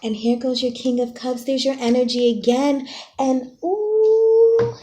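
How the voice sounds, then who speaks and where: A woman gives a relaxed tarot reading straight to her viewers. Her voice sits a little high with a warm, mellow tone. She talks in a chatty, frank way, drops in playful slang and keeps asking "okay?". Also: moderate pace. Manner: chatty and direct, often checks in with "okay?". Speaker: tarot reader.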